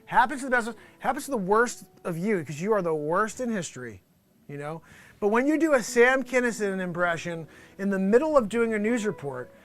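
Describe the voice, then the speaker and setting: A man with a very high, fairly bright voice improvises a mock live weather report, playing a flustered, aggrieved TV reporter who rambles and complains in exasperation, like a ranting monologue in a spoof news segment.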